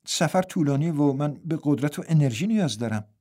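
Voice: mid-range voice, animated, dark tone, natural voice. A storyteller voicing a nervous, polite woman traveler who speaks hesitantly in an audiobook.

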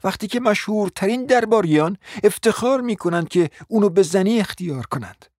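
A woman acting a cunning, flattering mother in a radio play, coaxing and often dropping to a whisper. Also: mid-range voice, no echo, clean studio sound, natural voice. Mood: persuasive. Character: cunning, flattering provincial mother, persuasive and scheming. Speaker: scheming mother.

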